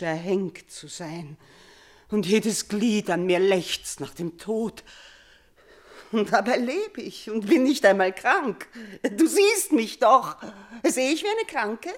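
An actress playing an aging queen and mother haunted by nightmares, in theatrical 1950s radio drama style, swinging from loud cries to hushed near-whispers. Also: fairly high pitch.

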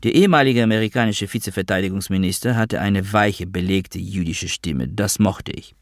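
A man reading a first-person novel as an audiobook in a measured, wry way. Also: low voice, dry recording, studio quality. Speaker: narrator.

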